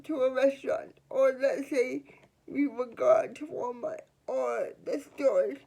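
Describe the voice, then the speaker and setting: A young woman of twenty confides a personal story to her viewers, her voice high and edged with gravelly fry. She talks slowly and haltingly, restarting words and trailing off into pauses as she works through what she means to say. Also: steady tone, mellow, poor audio. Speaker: vlogger. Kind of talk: personal confessional storytime vlog.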